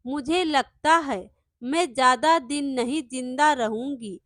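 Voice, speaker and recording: A frail, sick younger sister from a storybook, voiced by a woman. She speaks softly and weakly in a high, slow voice. The recording is dry and close. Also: no room sound.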